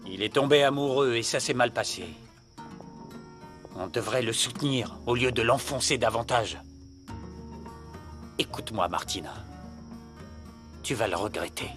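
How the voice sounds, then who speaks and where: A man's voice: mid-range voice, a little slow, long pauses, over music, close to an everyday voice. A man in a dubbed telenovela, speaking in an earnest, reproachful way. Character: grave middle-aged man, reproachful husband.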